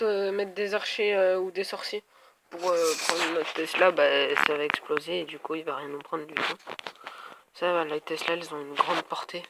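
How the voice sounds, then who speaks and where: With a voice that sits high and some background noise around him, a man with a head cold gives casual gameplay commentary. He's a gaming video creator, thinking aloud and hesitating as he speaks to his viewers.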